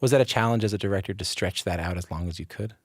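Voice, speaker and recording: A man's voice: low-pitched, rapid-fire, no room sound, studio quality. A man hosting a radio interview, asking questions in an earnest, enthusiastic way. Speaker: radio host.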